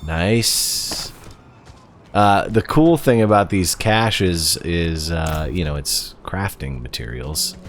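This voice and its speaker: A man giving casual, halting gameplay commentary as a streamer, musing aloud as he goes. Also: low voice, a little hiss or hum. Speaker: game streamer. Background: faint game music.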